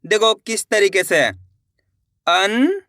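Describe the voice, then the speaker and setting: Slow, bright-voiced man teaching reading. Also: high voice, no echo, studio quality. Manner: sounds out syllables slowly, then blends them; addresses viewers as friends, encouraging. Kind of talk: spoken reading lesson.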